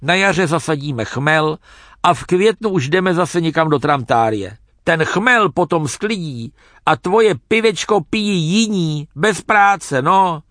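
Sly granddaughter man putting it on, high voice, sweet-talking. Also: expressive, fairly bright tone, no echo, studio quality. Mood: coaxing. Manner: coaxing, scornful of foreigners. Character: young woman, granddaughter, sly and persuasive.

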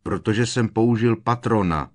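A man's voice: lowish voice, darkish tone, voice pushed up, natural voice. A man voicing an irritated teenage boy wizard who answers curtly and impatiently in an audiobook. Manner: curt, tense, impatient. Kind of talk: audiobook character reading.

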